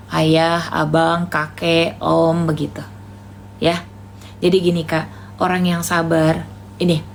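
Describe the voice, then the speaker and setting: A woman's voice: on the low side, creaky, slight background noise. A woman preacher giving casual religious advice to a live online room, calling her listener "Kak" and retelling conversations in a chatty way. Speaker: Islamic preacher answering questions.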